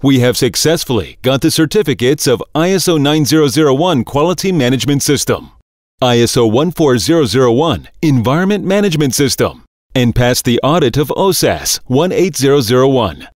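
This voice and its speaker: A man narrates a company promo in a dry, close voice-over. His pitch moves in a lively way, rising and falling through each phrase. He reads long lists at a steady, measured cadence. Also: dry recording. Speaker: corporate video narrator. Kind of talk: scripted narration.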